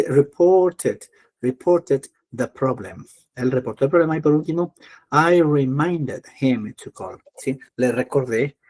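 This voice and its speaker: A man teaching an English class in Spanish, patiently repeating words slowly to drill pronunciation. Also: mid-range voice, darkish tone.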